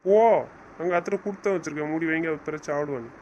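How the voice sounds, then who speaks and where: A man's voice: fairly high pitch, fast, slight background noise, poor audio. A man playing a stern husband in an audio drama, scolding and giving orders. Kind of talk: casual audio drama acting.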